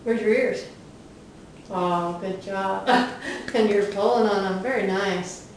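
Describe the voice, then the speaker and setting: Slow, coaxing woman talking to a toddler. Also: mid-range voice, a little hiss or hum. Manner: slow, sing-song coaxing questions with soft laughs. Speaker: parent quizzing a toddler. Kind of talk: home video talk with a small child. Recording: roomy echo, mic off at a distance.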